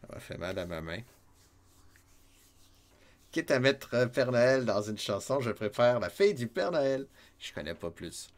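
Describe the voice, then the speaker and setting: Man, québécois accent, streamer, playful teasing commentary, unhurried delivery, lively pitch. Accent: Québécois French. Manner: playful, teasing, chuckling often. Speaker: let's-play streamer. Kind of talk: casual live gameplay commentary.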